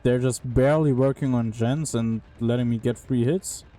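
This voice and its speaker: While playing a game on a live stream, a young man chats away with his viewers, sounding puzzled and casual. His mellow, mid-range voice keeps a fairly even intonation and moderate pace, with faint music in the background.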